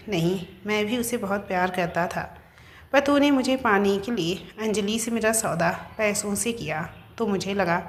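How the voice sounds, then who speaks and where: A woman's voice: medium pitch, slight background noise, close to an everyday voice. A woman voicing a scheming young husband who taunts and threatens his wife, in a narrated story.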